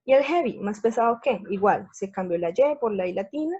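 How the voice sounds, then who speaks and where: A woman's voice: medium pitch, animated, brisk, darkish tone, slightly rough. A woman teaching a grammar lesson over slides, explaining step by step in a patient way and checking in with her viewers. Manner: patient, repeats steps, checks in with "¿sí?" and "listo". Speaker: English teacher. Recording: dull lo-fi sound.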